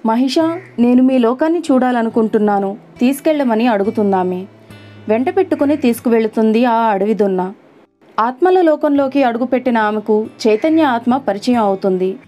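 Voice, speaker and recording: High, mellow-voiced woman narrating a novel. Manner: measured, expressive storytelling. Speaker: audiobook narrator. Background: faint music.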